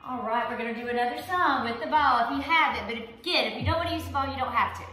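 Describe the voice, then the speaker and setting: A high-voiced woman leads a workout as an aerobics instructor. She gives unhurried, encouraging cues and counts while exercising. The room is very echoey, with faint music behind her. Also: sharp tone. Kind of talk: live exercise class instruction with counting and cueing. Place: living room with hard wood floor, indoors.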